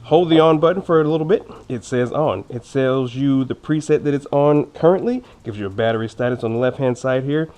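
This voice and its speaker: Few pauses break this man's slightly fast, darkish, mid-range speech, which his braces slightly impede. A motorcycle vlogger, he chats through a casual gear unboxing with informal jokes and self-teasing asides, while background noise and clicks are clearly audible.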